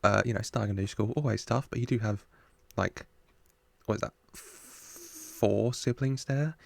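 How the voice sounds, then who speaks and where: Guy reacting to a movie, chatty and amused, lowish gravelly voice, close dry mic. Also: moderate pace, no room sound. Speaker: reaction video host. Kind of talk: casual film reaction commentary.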